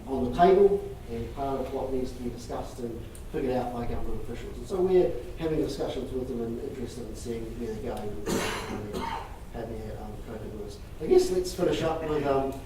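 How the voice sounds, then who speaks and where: Male presenter, measured and emphatic through repetition, distant mic in a reverberant, noisy room. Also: mid-range voice, mellow. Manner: measured, repeats phrases for emphasis. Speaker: presenter taking audience questions. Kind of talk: public talk with audience questions.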